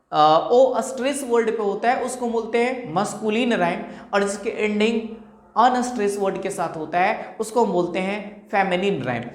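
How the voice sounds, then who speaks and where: A woman teaching English rhyme types in Hindi mixed with English terms. She asks a question herself and then answers it, and she repeats example words slowly to show the stress. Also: medium pitch. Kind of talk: classroom-style lesson explaining rhyme types. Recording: echoey room.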